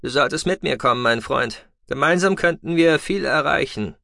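A man voicing a brisk, pushy male starship captain who urges others on. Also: mid-range voice, vocal fry, sharp tone, no echo, studio quality, voice pushed up. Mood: urgent. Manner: brisk, urging.

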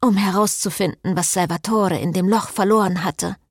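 A woman's voice: medium pitch, normal speed, dry recording, studio quality, close to an everyday voice. Woman reading as a teasing hungover young woman. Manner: drowsy, teasing.

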